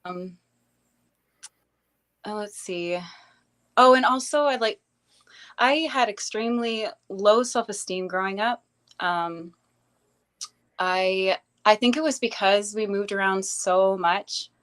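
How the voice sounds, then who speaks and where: Young woman guest talking about growing up, lots of ums and restarts, middle pitch. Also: slow pace, pauses often, a bit bright. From grew up in Bangladesh, later Canada. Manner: hesitant, many ums and restarts. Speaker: interview guest. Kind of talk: casual personal storytelling.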